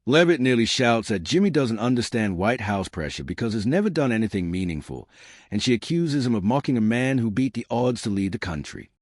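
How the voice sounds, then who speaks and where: A man's voice: mid-range voice, expressive, a little fast, dry recording, clean studio sound. A man narrating a scripted, dramatic story.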